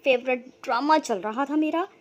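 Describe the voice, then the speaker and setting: A woman voicing a sharp-tongued young woman about to be married, who talks in cheeky, mocking banter. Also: high voice, normal speed, close to an everyday voice. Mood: playful.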